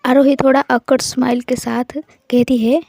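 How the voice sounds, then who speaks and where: A woman's voice: high-pitched, flat delivery, measured pace, vocal fry, darkish tone, dry recording. A woman narrating a love story in a chatty way, often repeating and restarting phrases.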